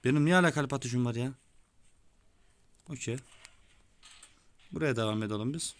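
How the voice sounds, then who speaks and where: A young man giving casual, excitable gameplay commentary, swearing often and talking like a buddy, his voice a bit rough. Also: medium pitch, normal speed. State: sweaty, voice gone a bit rough. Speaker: gaming YouTuber. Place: small room with window closed.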